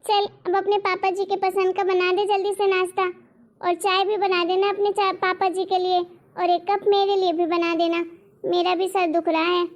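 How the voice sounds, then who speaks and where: A woman voicing a middle-aged mother in an animated story who scolds and orders her grown daughter about. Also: extremely high pitch, normal speed. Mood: bossy. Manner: scolding, bossy. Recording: dull lo-fi recording.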